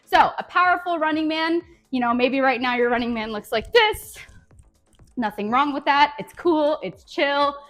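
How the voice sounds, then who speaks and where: A woman's voice: sits high, moderate pace, fairly bright tone, soft background music. A woman teaching a dance tutorial in an upbeat coaching manner, counting beats aloud. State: out of breath at times. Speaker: dance instructor.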